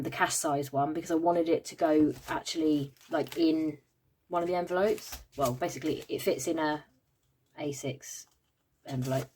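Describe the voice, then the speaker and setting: A British woman chats casually in a cash-stuffing budgeting vlog, tired and yawning as she counts money aloud with lots of "um"s. Her voice sits low with a darkish tone, and the recording carries a little hiss or hum.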